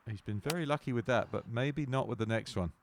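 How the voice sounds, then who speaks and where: A man's voice: medium pitch, a little fast. A man giving wry golf commentary with dry, playful understatement.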